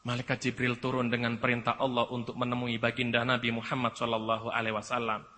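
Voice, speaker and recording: A man preaching a sermon with impassioned delivery that swells into shouts at emotional peaks. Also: mid-range voice, completely flat delivery, quick pace, big-room sound.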